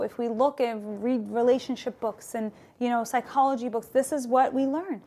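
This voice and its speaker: A woman's voice: high voice, darkish tone. A woman who works as a therapist gives an earnest, emphatic talk on relationships and faith, often checking in with "right?". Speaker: therapist and Islamic speaker.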